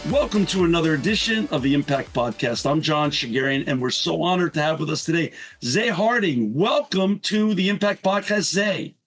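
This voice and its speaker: Upbeat high-voiced male podcast host. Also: animated, normal speed, hardly any pauses, a bit bright, faint music behind. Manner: upbeat, enthusiastic interviewer. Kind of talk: interview podcast with read sponsor ads.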